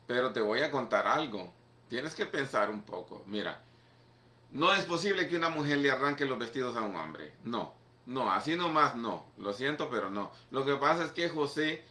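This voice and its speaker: A pastor delivers his sermon in a bright, forceful voice, talking plainly and emphatically to his listeners. The sound rings around an echoey church hall, giving every phrase a roomy tail. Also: mid-range voice. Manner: conversational, emphatic preaching with repeated "mira" and "¿ok?".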